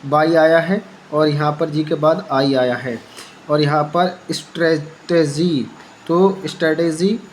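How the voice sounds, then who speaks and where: A man in a home-made lesson video explains how English letters are read, in a voice a little higher than usual. He is patient and repeats each rule, then asks it back to his listeners as a question. A faint background hum runs under the recording. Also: fairly even intonation, takes it slowly, rough recording. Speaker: English teacher. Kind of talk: Hindi phonics lesson for beginners.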